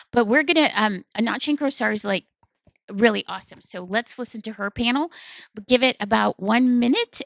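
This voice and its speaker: A woman organizer making announcements to an audience, hurried and losing her voice. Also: medium pitch, gravelly, fairly bright tone, dry recording, low-quality recording. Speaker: event organizer introducing speakers.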